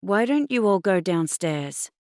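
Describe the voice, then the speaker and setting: A woman's voice: medium pitch, very animated, measured pace, a little mellow, no room sound, clean studio sound, voice pushed up. A woman with an Australian accent voicing a protective, anxious father who speaks urgently.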